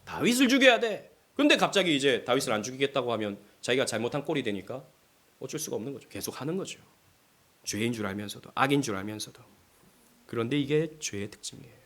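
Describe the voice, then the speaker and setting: A male pastor from South Korea preaching a sermon, acting out quotes with sudden loud rises and hushed drops. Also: medium pitch.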